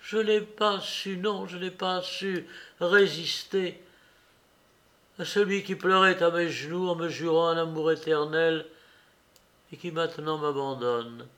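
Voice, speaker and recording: A man reading aloud the farewell letter of a desperate young woman, in a hushed, sorrowful, pleading voice, at a slow pace. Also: on the high side, steady tone, pitched above the performer's own voice. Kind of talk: audiobook reading.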